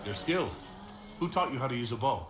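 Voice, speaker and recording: Here the same inquisitive leader sounds animated and brisk, close to an everyday voice at medium pitch, as the actor keeps up his curious, dryly witty questioning. Music runs through the roomy game audio.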